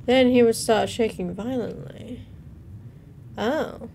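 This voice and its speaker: Recording in a small room at home with noticeable background noise, a young woman hosts a reaction video. She reads captions aloud and drops in informal comments between them. Her slightly high voice is slow, gravelly, and dark in tone.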